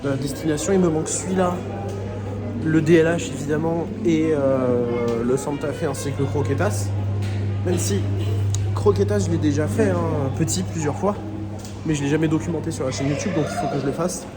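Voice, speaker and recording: A man's voice: a little high, moderate pace. A man chatting enthusiastically as he vlogs his walk around a theme park, filming himself on a phone. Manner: chatty and enthusiastic, often restarts phrases. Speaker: vlogger. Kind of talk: casual vlog chat. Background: music.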